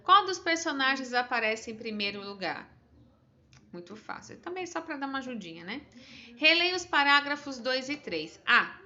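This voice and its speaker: A woman's voice: high-pitched, very animated, moderate pace, pushed and bright, dull audio. A woman with a Brazilian Portuguese accent, a teacher patiently walking her pupils through a test with encouraging, chatty asides.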